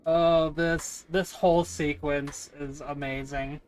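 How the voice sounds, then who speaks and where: A woman's voice: deep voice, fairly even intonation, slow, darkish tone, a little hiss or hum. A woman streaming a game with casual, gushing, amused reaction commentary. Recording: game music behind the voice.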